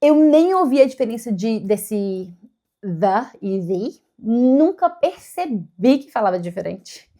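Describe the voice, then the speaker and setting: A woman's voice: on the high side, sing-song, measured pace, hardly any pauses, warm tone. A Brazilian woman talking casually to camera about learning English, thinking aloud as she explains step by step. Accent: Brazilian Portuguese.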